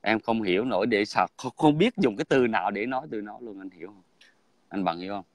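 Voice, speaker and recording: A man's voice: fairly low pitch, quick pace, no room sound. Blunt man, dry sound. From Vietnam. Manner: blunt, crude, repeats "right?". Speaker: guest in online livestream chat. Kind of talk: heated casual talk.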